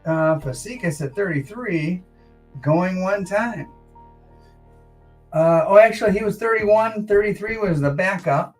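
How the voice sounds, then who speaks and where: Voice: mid-range voice, a little mellow, far from the mic, rough recording. Casual livestream auctioneer calling bids, music behind. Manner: auctioneer-style calls with drawn-out going once, going twice. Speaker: live auction host, auctioneer.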